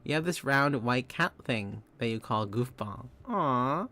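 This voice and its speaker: A man's voice: medium pitch, expressive, unhurried, sharp tone. A young man streaming live, chatting casually with viewers, giggling often and rambling through restarts.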